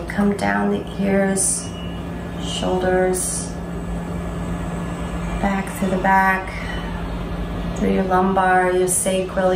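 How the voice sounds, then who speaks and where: A middle-aged woman teaching yoga and meditation in a soft, calm, unhurried voice with pauses. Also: on the low side, vocal fry. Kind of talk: guided meditation and gentle yoga instruction. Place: indoor room at home, on a mat. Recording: roomy echo, noisy ambient background.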